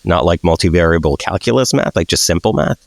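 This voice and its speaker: Low-voiced podcast guy, laid back, says "like" a lot, blunt, no room echo. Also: quick pace, gravelly. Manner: relaxed, filler-heavy and blunt. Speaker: podcast co-host. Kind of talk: casual chat.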